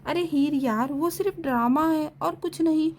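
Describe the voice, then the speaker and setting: A woman's voice: high-pitched, moderate pace, darkish tone, slight background noise, natural voice. Woman reading a cheerful young female student. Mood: coaxing. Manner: friendly and coaxing.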